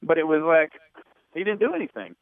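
A man phones in to a radio show and talks fast in a loose, rambling way, full of "you know" and "like". His voice comes through a thin, tinny phone line that sounds close and dry. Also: a little high, vocal fry, no echo. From Louisiana. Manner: rambling, relaxed storytelling with fillers. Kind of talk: casual call-in chat.

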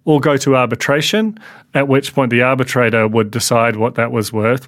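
A male podcast host with a New Zealand accent and a mid-pitched voice. He explains things conversationally, feeling his way through sentences and restarting phrases as he thinks. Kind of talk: conversational solo podcast analysis.

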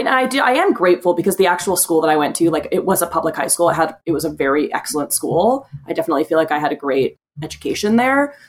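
A woman from Massachusetts chats as a podcast guest in a relaxed, frank way, full of likes and ums. Her voice sits on the lower side for a woman. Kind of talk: casual chat.

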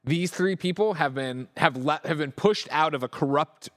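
A man's voice: a little high, normal speed, dry recording, studio quality. A man hosting a show in casual, conversational chat. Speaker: show host.

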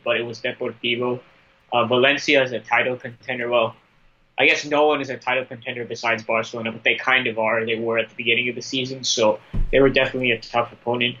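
A man's voice: medium pitch, bright, forceful tone. A man giving opinionated football analysis on a podcast in a conversational, emphatic way, on a slightly lo-fi line. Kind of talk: casual sports discussion.

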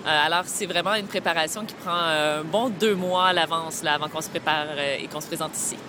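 A woman's voice: deep voice, fairly even intonation, fairly quick, noisy background. A woman, a company spokesperson, answering interview questions casually with many hesitations. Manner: hesitant, many "euh" fillers. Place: busy video game trade show floor.

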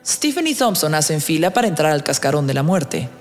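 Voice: medium pitch, big pitch swings, brisk. A narrator reading scripted, present-tense audio drama narration. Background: loud music, vehicle and outdoor sound effects.

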